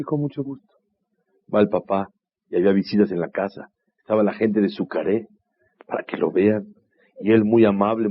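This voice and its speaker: Animated rabbi preaching, husky voice. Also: male voice, on the low side. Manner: animated storytelling, rhetorical questions, acts out voices. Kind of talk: sermon. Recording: dull lo-fi recording.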